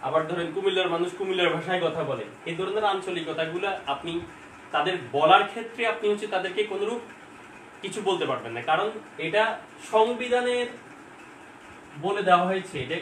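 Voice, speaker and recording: A man's voice: sits high, a bit bright. A man teaching an informal online exam-prep class from home, talking conversationally and often asking questions and answering them himself. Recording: echoey room, far from mic, faint hiss.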